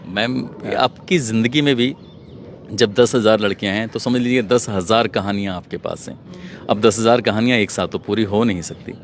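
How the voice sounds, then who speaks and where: A man hosting an interview who introduces his guest and asks polite, measured questions. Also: on the low side, a little hiss or hum. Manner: polite, measured questions with short listening murmurs. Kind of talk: interview host.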